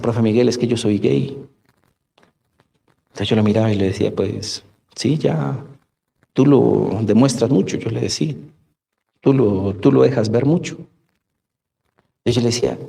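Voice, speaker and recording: A man's voice: medium pitch, creaky, darkish tone. A male pastor giving a radio sermon, preaching through rhetorical questions and addressing his listeners as brothers. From Colombia. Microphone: studio microphone for radio broadcast.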